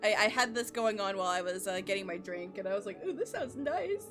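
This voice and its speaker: A woman streaming a game, chatting excitedly with her audience, swearing, laughing and stumbling over repeated words, with faint game music behind. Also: medium pitch, quick pace. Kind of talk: casual live-stream chat.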